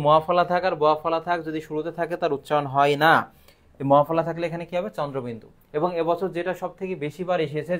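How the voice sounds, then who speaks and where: A man leads a live online grammar class. His voice sits a touch high, and he keeps asking the students questions and then answering them himself.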